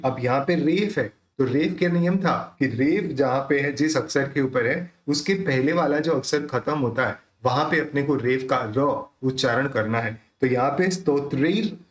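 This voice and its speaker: A man teaching pronunciation of a devotional hymn, explaining patiently and then reciting its verses slowly, syllable by syllable. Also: on the high side, roomy sound. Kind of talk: pronunciation lesson with slow chanted recitation.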